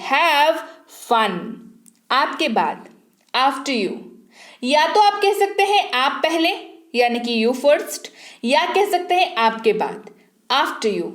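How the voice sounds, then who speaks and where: A woman teaching an online English speaking class, reading each phrase slowly and repeating it twice for learners to copy. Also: high-pitched, echoey room. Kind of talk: spoken English lesson.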